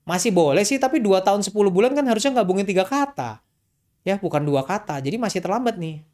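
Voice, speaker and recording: A man's voice: high voice, expressive, fast talker, darkish tone. A man, a doctor, answering parents' questions in a casual, chatty way, often repeating a question back before he answers it. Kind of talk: casual explanatory Q&A talk.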